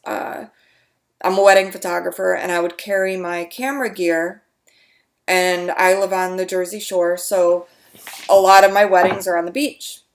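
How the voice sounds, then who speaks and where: Woman talking to camera in her video diary, kinda gravelly, lots of ums and restarts, bit winded. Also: medium pitch. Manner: halting, with frequent restarts and ums. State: slightly out of breath. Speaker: patient explaining her heart condition. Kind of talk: casual video diary explanation.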